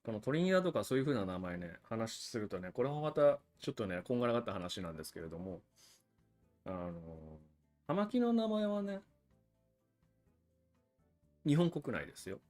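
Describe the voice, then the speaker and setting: Lively chatty man hosting a livestream. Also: medium pitch, normal speed, pauses often, faint music behind. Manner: chatty, explanatory, frequent "ne" asides. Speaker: cigar channel host. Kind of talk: casual livestream explanation.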